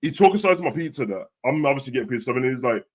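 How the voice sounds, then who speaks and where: A young man speaks at a rapid clip in a British urban street accent. His delivery is casual roadman storytelling, thick with slang and slipping into quoted dialogue as he goes. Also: medium pitch, lively intonation. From Birmingham, England. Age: young adult.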